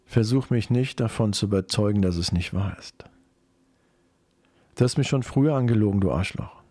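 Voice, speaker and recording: A man's voice: on the low side, moderate pace, mellow, no room sound, clean studio sound, lightly acted. A man voicing a jealous, vengeful young woman who speaks in a cold, menacing tone.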